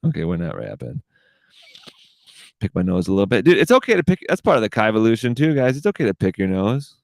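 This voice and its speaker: A man's voice: fairly low pitch, sing-song, quick pace, vocal fry, darkish tone, no echo. Rambling podcaster man in his thirties. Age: 30s. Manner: rambling, swearing, says "dude" a lot. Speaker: podcast host. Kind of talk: casual solo podcast.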